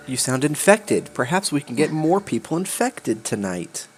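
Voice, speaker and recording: A man's voice: a little high, very animated, unhurried. A man hosting a casual game stream, laid-back, reading game text aloud with dry asides. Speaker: channel host. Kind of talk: casual gaming chat.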